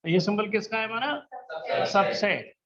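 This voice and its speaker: A man with a fairly high voice teaches a math class in a classroom, patiently coaxing answers and checking again and again that everyone has understood. The recording is somewhat dull and lo-fi, as if captured in the classroom itself. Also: animated, takes it slowly, a loud crowd. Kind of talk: classroom lesson.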